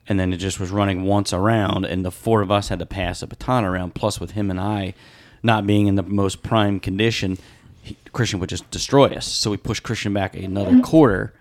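A man co-hosting a podcast, chatting casually and telling a long story full of details. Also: lowish voice. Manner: rambling storyteller, piles on details. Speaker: podcast co-host. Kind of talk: casual chat.

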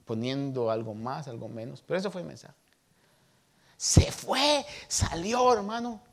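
A man in his thirties, a pastor, preaching a sermon and telling stories from his childhood with lively voices for the people he quotes. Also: mid-range voice. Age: 30s.

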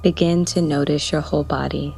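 A woman leading a guided body-relaxation meditation, speaking in soft, soothing instructions with long pauses. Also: deep voice, fairly even intonation, creaky, a little hiss or hum.

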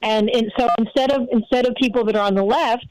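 A woman's voice: on the high side, steady tone, quick pace, darkish tone, rough recording. A middle-aged woman hosting a radio talk show, speaking bluntly in a rambling way with lots of fillers. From United States. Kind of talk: casual opinion chat.

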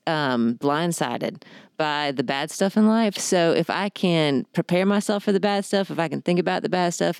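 A woman's voice: lowish voice, clean tone, no echo, studio quality. An introspective woman reflecting in a faith discussion group, often repeating and correcting her words.

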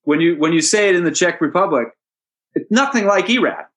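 A man's voice: high-pitched, fairly quick. A man, a hockey radio broadcaster, telling a story as a guest on a casual podcast. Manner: chatty, animated storyteller.

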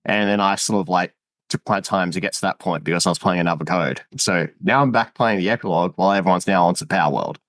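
A man's voice: deep voice, fast talker, fairly bright tone, dry recording. A man chatting casually as a panellist on a podcast. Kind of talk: casual chat about video games.

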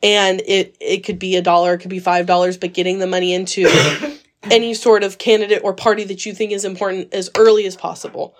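A woman's voice: mid-range voice, steady tone, fairly quick. A woman co-hosting a casual book club podcast, talking earnestly and emphatically with frequent fillers and restarts, recorded on a phone. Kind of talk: casual chat.

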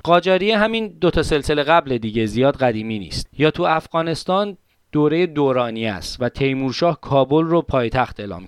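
A man's voice: medium pitch, clear, resonant tone, no room sound, studio quality. A man hosting a podcast, narrating a history story in a dramatic, conversational way, with asides to his listeners. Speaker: podcast host.

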